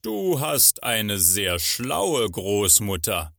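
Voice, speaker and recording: A man voicing a sly, menacing male wolf in a fairy tale, with a deep, slow, drawn-out voice. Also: sing-song, creaky, fairly bright tone, no echo, clean studio sound, full character voice.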